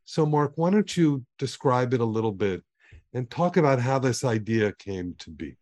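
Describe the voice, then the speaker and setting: A man's voice: medium pitch, animated, normal speed, no echo. Man hosting an interview, dry close sound. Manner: warm, eager questioner, summarizes guest's book. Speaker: podcast host.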